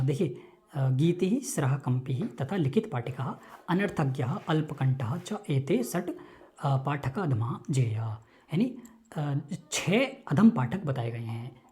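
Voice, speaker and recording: Low-voiced lady teacher going over sanskrit verses, repeats stuff, keeps asking if you got it. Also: mellow. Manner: explains slowly, repeating terms and asking checking questions. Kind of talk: online lecture explaining a text.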